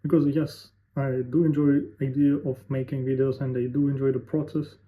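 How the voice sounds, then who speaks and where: A young vlogger in his 20s talks unscripted to the camera, musing and halting as he thinks aloud with fillers. His voice is medium-pitched with little movement in pitch, and the sound is tinny and lo-fi.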